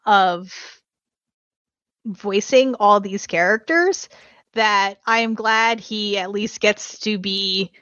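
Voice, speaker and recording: A woman's voice: fairly high pitch, fairly bright tone, dry recording, highs cut off. A woman chatting casually as a podcast guest, laughing often as she talks. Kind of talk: casual chat.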